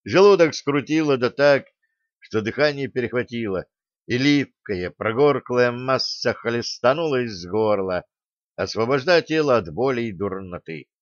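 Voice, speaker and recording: A man's voice: medium pitch, lively intonation, measured pace, no room sound. Man narrating a story, dry sound. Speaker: audiobook narrator. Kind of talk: scripted narration. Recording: dull dry recording.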